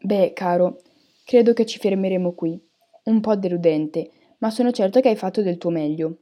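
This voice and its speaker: A woman's voice: mid-range voice, normal speed, natural voice. Woman doing a misty, theatrical seer teacher. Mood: sweet, coaxing. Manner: sweet and hushed, turning harsh and loud in trance. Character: eccentric female divination teacher, misty, theatrical.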